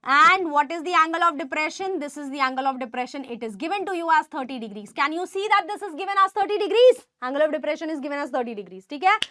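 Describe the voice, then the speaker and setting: A woman's voice: high voice, expressive, fast, hardly any pauses, sharp tone, no echo. A woman with a North Indian accent teaching step by step as a maths teacher, emphatic, often checking with her pupils and slipping Hindi phrases into her English. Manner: emphatic, addressing pupils with frequent check questions. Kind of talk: online lesson, explaining step by step.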